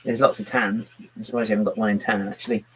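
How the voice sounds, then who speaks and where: A man's voice: on the low side, level tone, fast talker, a bit bright, breathy edge, rough recording. A man rambling casually to his livestream chat while he builds, self-mocking and chuckling often. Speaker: livestream host building with bricks.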